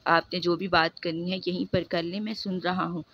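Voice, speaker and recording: Woman reading as a firm young male student. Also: lowish voice. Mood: calm. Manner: calm, firm, reassuring then threatening.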